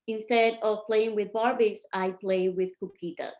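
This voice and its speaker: A woman from Cuba presenting her performance art on a video call, speaking in a measured, reflective way with pauses. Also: mid-range voice, steady tone, a little mellow. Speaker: performance artist.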